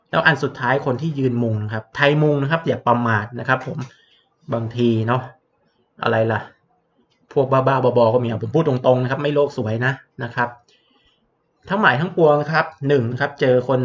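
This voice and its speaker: A man teaching basic life support in a chatty, plain-spoken way, stacking polite particles and blunt asides. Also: medium pitch. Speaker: health trainer. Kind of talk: casual instructional lecture. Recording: dull lo-fi audio.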